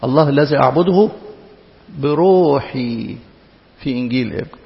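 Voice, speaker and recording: A man's voice: medium pitch, animated, moderate pace, creaky. A man with an Egyptian Arabic accent preaching a sermon in an impassioned, rhetorical way, firing questions at his listeners. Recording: echoey hall, dull lo-fi sound.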